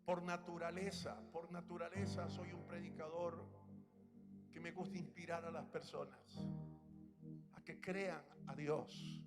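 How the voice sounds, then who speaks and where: Male pastor, sermon, impassioned delivery building to shouts; high voice, music bed underneath. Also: flat delivery, measured pace. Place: church conference.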